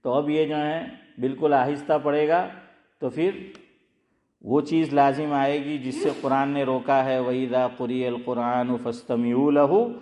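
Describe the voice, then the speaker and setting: This Islamic scholar's voice sits a little high and is slightly mellow, with little movement in pitch. Speaking in a reverberant space, he gives a conversational sermon, asking questions and repeating key ideas.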